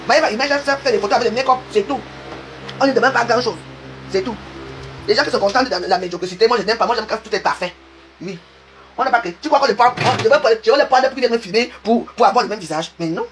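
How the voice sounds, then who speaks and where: A woman's voice: on the high side, fast talker. A woman, rambling and teasing in a casual live-stream rant. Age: 50s. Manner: chatty, rambling, teasing, addresses viewers directly. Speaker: social media live streamer. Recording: noisy live-stream audio.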